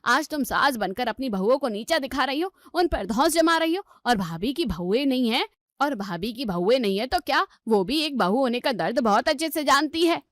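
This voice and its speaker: A woman's voice: high voice, animated, normal speed, no echo, studio quality. A woman voicing an outspoken middle-aged sister-in-law in a cartoon story, lecturing and blunt. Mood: angry.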